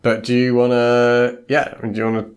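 A man co-hosting a podcast, recapping a chapter in a measured, unhurried way. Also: medium pitch, monotone. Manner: measured, recaps slowly and clearly. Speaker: podcast co-host. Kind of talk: casual chat and chapter recap.

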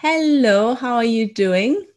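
A woman's voice: on the high side, lively intonation, takes it slowly, over music. A woman hosting a marketing podcast, introducing an episode and her guest in an upbeat, chatty way. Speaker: podcast host.

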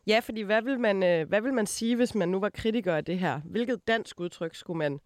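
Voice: mid-range voice, dry recording, studio quality. An interviewer from West Jutland asking probing questions with some hesitation. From West Jutland, Denmark. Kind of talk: conversational interview.

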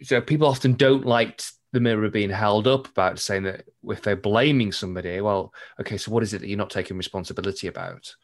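A man hosting a conversational interview, speaking in a measured, reflective coaching tone. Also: lowish voice. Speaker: podcast host.

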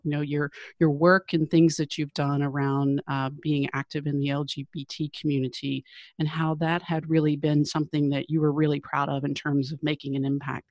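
A man's voice: a little high, no room sound. A man interviewing a guest, asking questions hesitantly with fillers.

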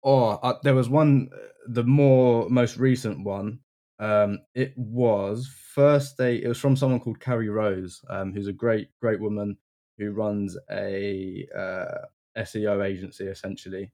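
A man's voice: lowish voice, steady tone, unhurried, warm tone. A young man with a London accent, chatting casually as a podcast guest, friendly and full of ums. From England. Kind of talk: casual interview chat.

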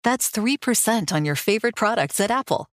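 A woman's voice: fairly high pitch, expressive, brisk, no room sound, clean studio sound. A woman reading a scripted advertisement with product terms as an announcer. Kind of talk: scripted ad read with legal disclaimer.

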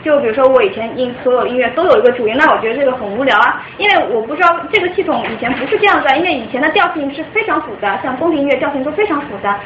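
A woman's voice: high voice, animated, racing, few pauses. A young woman from China explaining music theory to a small group in an informal lecture, patient and restarting her sentences often. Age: young adult. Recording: echoey room, dull lo-fi sound, faint noise.

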